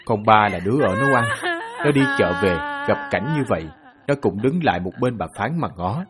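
A man narrating a novel as an audiobook in a steady storytelling manner. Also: lowish voice, brisk, loud music behind the voice.

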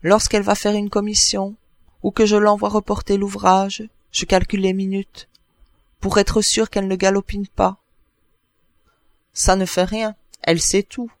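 A man reading an audiobook, voicing a gruff, kindly old neighbor woman who chats bossily. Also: high voice, monotone, unhurried, no room sound. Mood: gossipy. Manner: bustling, bossy, chatty.

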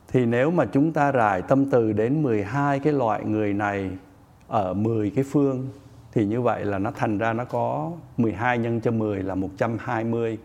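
Male meditation teacher giving a calm, measured dharma talk at a retreat. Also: medium pitch. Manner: slow, measured teaching with Pali terms. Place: meditation center.

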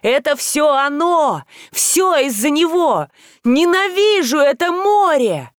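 A woman voicing a very drunk teenage boy who yells slowly, full of guilt and despair. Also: high-pitched, big pitch swings, no echo, clean studio sound, voice pushed up, exaggerated voice. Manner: slow, slurred yelling.

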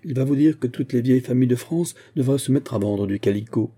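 A man reading the part of a joking society gentleman who teases in a raised voice. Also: medium pitch, fast talker, husky, pitched above the performer's own voice, natural voice. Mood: teasing. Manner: teasing.

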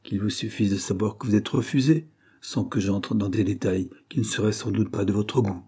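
A man's voice: on the low side, steady tone, normal speed, warm tone, slightly rough. A man doing a stern dignified old employer. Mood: cold, formal. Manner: cold, formal and curt.

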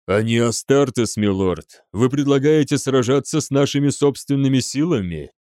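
Alarmed male fleet master shouting in battle, voiced by a male narrator. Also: medium pitch, expressive, moderate pace, no echo, clean studio sound, natural voice. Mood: worried. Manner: shouting, urgent.

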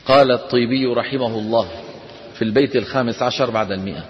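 A man teaching a tajweed class, questioning his students and chanting verse lines slowly. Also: medium pitch. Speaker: Quran recitation teacher. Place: lecture hall with students. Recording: dull lo-fi lecture recording in a reverberant hall with faint noise.

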